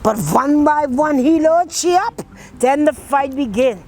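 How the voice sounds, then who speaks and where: A Bahamian woman poet with a fairly high voice, reciting dialect verse and speaking about her craft. She tells things in a rhythmic, storytelling way full of vivid island phrasing. Faint noise sits under her voice. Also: lively intonation, measured pace, darkish tone, poor audio.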